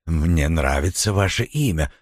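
A man voicing a commanding wealthy gentleman who speaks softly, slowly and insistently to a woman. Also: deep voice, expressive, no room sound, studio quality, voice pushed down. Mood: coaxing. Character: commanding wealthy older man, tenderly coaxing.

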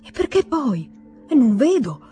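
A woman's voice: sits high, very animated, measured pace, mellow, breathy edge, soft background music, voice pushed up, full character voice. A woman reading aloud, voicing an emotional, imploring middle-aged nobleman who keeps begging his brother-in-law. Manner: emotional, imploring, rising to cries.

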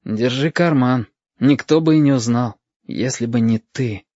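A man reading an audiobook voices a gentle, weary boy who speaks quietly and briefly. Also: mid-range voice, a little slow, dry recording, lightly acted. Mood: quiet, tired. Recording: dull, dry lo-fi audio.

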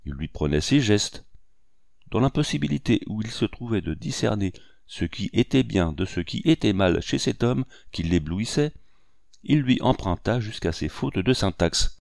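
A man giving a measured, even literary audiobook narration. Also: on the low side, gravelly, no echo, clean studio sound.

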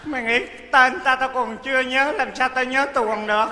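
A penniless male folk-opera actor who teases and scolds his partner, speaking. His voice is very high and very bright. The sound echoes through a large hall on a stage recording. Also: fairly even intonation, moderate pace, slight background noise, heavily acted. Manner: teasing, exasperated, loud and playful. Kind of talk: stage comedy sketch.

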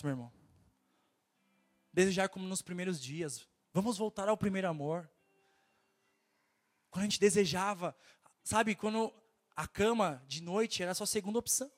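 A man with a Brazilian Portuguese accent delivers an impassioned sermon, his voice noticeably nasal and pitched high for a man. He exhorts the congregation again and again, speaking with urgent fervor. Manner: fervent, exhorting, keeps repeating "my brother". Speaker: preacher.

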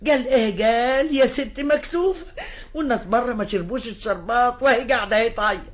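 A woman's voice: a little high, fast, natural voice. An actress playing a bustling Egyptian village mother who scolds her daughter and fawns over a grand lady, in a 1960s radio drama. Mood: fawning. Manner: scolding, then fawning to the lady. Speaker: the girl's mother.

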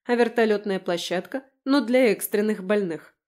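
A woman's voice: mid-range voice, moderate pace, darkish tone, lightly acted. A woman voicing a brash, sarcastic, chatty young woman in an audiobook, teasing and mocking. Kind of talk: audiobook character voice.

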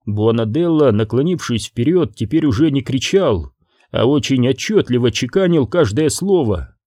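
Expressive male audiobook narrator, mellow. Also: medium pitch, normal speed, no echo, clean studio sound. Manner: expressive storytelling. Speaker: audiobook reader.

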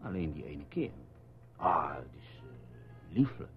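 In a radio drama, a man with a bass voice plays a reporter husband who is evasive and teasing, wry and placating, in a teasing, storytelling mood. His delivery is very animated, exaggerated, and slow, with soft music behind him. The radio play recording sounds dull and muffled.

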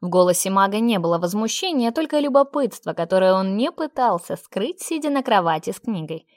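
A woman's voice: mid-range voice, dry recording. Dry, close woman narrating a novel. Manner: steady, measured storytelling. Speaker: audiobook narrator. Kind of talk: scripted narration.

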